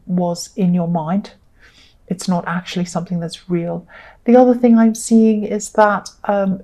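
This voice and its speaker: Gentle woman giving a tarot reading. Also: medium pitch. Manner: gentle, reassuring, many fillers. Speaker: tarot reader. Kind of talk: solo tarot reading monologue.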